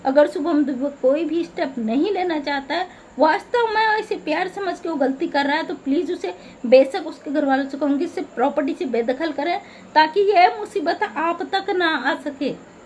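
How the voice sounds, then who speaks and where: A woman's voice: sits high, expressive, normal speed, darkish tone, a little hiss or hum. A middle-aged woman vlogger making an earnest, preachy appeal straight to her viewers, pleading and scolding by turns. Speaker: social media vlogger. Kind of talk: earnest direct-to-camera appeal.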